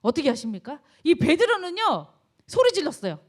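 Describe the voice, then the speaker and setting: A young woman preaching a sermon to a college group. She asks the listeners questions and acts out loud cries to God. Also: high-pitched, big pitch swings, brisk.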